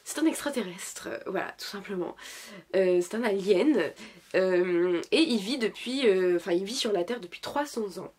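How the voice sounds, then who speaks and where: A woman's voice: medium pitch, animated, normal speed, darkish tone. A young woman who is sick, chatting casually and hesitantly about shows she liked, with many fillers and restarts. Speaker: YouTuber reviewing dramas. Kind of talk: casual chat.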